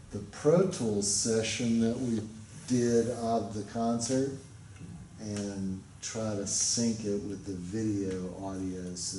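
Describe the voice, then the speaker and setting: A man teaching a music technology class, explaining things in a relaxed, rambling way with fillers, recorded from a distance in a classroom. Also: lowish voice, echoey room, a little hiss or hum. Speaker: instructor. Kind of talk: classroom lecture.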